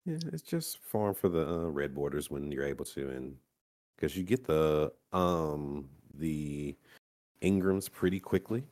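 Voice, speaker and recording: Guy with a super deep voice hyping up gear, drags words out for emphasis. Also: lively intonation, measured pace, darkish tone. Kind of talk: casual gaming chat.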